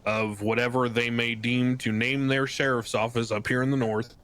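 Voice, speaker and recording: A man playing a diplomatic official in game role-play, making a formal announcement in a measured, hesitant manner. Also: medium pitch, little pitch movement, fairly bright tone, close to an everyday voice.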